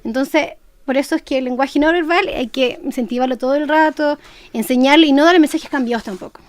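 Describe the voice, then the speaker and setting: A woman with a Chilean accent, a guest expert on a radio talk show, explaining lively and acting out how parents talk to babies. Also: high-pitched, a little fast, no room sound. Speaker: guest kinesiologist.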